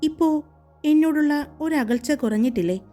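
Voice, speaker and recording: A woman's voice: high voice, animated, moderate pace, dark tone, soft background music. Woman voicing a hot-tempered young boss. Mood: teasing.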